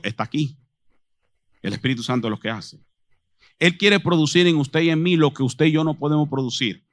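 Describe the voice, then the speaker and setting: Man, pastor, sermon, asks the congregation questions, higher voice, dry close mic. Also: fairly bright tone, no echo. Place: chapel with a microphone. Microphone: handheld or stand microphone.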